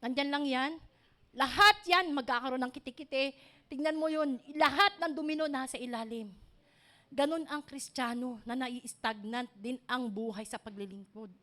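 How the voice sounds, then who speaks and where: A middle-aged woman pastor, preaching an animated sermon built on personal stories. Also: high-pitched, moderate pace.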